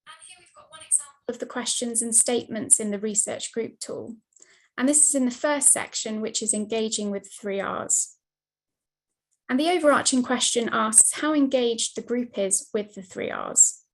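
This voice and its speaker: A woman's voice: fairly high pitch, normal speed, low-quality recording. Woman presenting over a video call. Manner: steady, scripted delivery. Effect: video call audio, mic cutting in and out. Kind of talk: webinar slide presentation. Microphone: computer mic on a video call.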